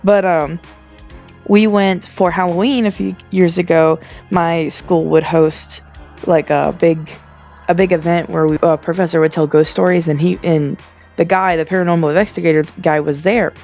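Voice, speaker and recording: A woman's voice: fairly low pitch, steady tone, moderate pace, a little mellow. Chatty young woman telling stories. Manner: chatty and rambling, frequent fillers and restarts. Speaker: storytelling narrator. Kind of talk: casual storytime voiceover. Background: faint background music.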